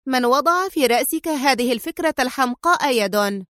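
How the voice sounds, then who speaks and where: A woman voicing a fierce, defiant female spy who snaps and shouts in high-pitched fury. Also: expressive, brisk, no room sound, clean studio sound. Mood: furious.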